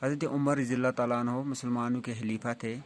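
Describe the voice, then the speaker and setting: A male teacher giving a reading lesson to young children. He goes through the text slowly, restating each sentence in simpler words. His voice stays at an ordinary middle pitch. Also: steady tone, a little hiss or hum. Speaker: school teacher.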